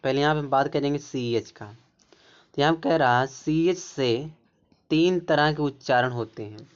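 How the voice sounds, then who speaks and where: A man's voice: a little high, unhurried, clean tone. A man teaching English pronunciation rules, explaining word by word and pointing things out again and again. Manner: repetitive, keeps pointing things out. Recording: dull lo-fi recording.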